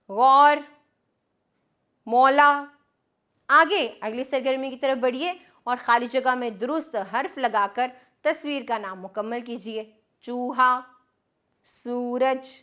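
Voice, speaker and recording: A woman's voice: on the high side, a bit bright. A woman teaching an Urdu spelling lesson with an Urdu accent, patiently explaining step by step and drilling word lists. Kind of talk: classroom lesson on spelling rules.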